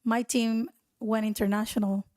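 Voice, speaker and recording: A woman board member speaks in a mellow, darker tone, pitched a little high. She stops and repeats words as she works out her questions. The room sound is dry and close. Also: little pitch movement, no room sound. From El Salvador. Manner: halting, repeats words while forming questions. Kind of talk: meeting remarks and questions. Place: district board meeting room.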